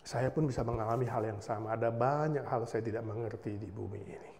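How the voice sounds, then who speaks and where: A male pastor preaching at a memorial service, swinging between loud exhortation and hushed prayer, with English words mixed in. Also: mid-range voice, fast talker, creaky, a little hiss or hum. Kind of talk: sermon. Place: church.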